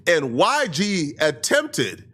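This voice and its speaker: A man hosting a casual commentary show, slightly higher pitched than most men and with a lot of swing in his voice. He stresses points by repeating them. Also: extremely slow, a crowd in the background. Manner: animated, laughs easily, repeats for emphasis.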